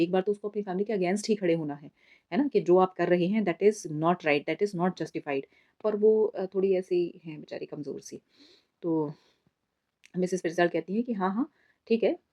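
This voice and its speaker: Warm low-voiced woman teacher explaining. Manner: patient, explanatory, calls listeners "beta". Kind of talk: exam summary lesson in mixed Hindi and English. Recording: slightly dull lo-fi recording.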